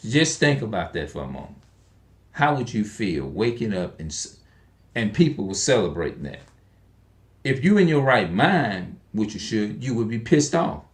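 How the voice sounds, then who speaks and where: A man's voice: on the low side, very animated, normal speed. A man in his forties speaking in an unscripted monologue, emphatic and repetitive, often restarting his sentences and asking rhetorical questions. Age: 40s. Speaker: online video speaker.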